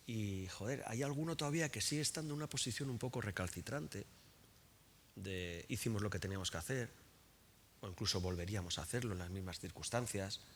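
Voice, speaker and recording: A man's voice: on the low side, a little hiss or hum. A man talking at a public book presentation, frank and colloquial, who swears often and restarts and repeats words as he thinks aloud.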